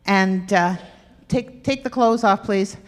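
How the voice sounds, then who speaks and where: A woman's voice: medium pitch, slow pace. A woman giving an interactive health talk, playfully quizzing her audience with questions. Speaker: health workshop presenter. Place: church hall with stage and aisle. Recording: echoey hall.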